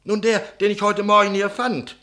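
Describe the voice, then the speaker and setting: This is a high-pitched male voice, bright and pushed, with a level tone and normal speed. He plays an anxious, talkative innkeeper giving testimony in a German radio play, shaken and telling his story dramatically yet deferentially.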